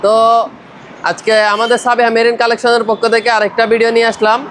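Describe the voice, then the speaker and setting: A man rattles through a shopkeeper's sales pitch at top speed. His voice sits fairly high, and his patter is repetitive. Faint traffic noise hums behind him in a roadside shop. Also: little pitch movement, a bit bright. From Bangladesh. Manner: fast, repetitive selling patter.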